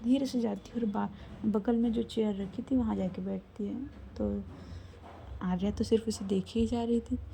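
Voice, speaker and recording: Gravelly dark-voiced woman storyteller. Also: mid-range voice, steady tone, normal speed, slight background noise, low-quality recording. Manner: soft, often half-whispered storytelling. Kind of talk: serialized love story narration.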